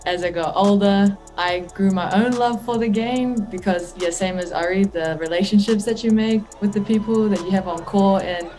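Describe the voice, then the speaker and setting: A woman's voice: medium pitch, normal speed, few pauses, dark tone, soft background music. A young woman from New Zealand with a New Zealand accent, a college basketball player answering interview questions in an easygoing, thoughtful way. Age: young adult.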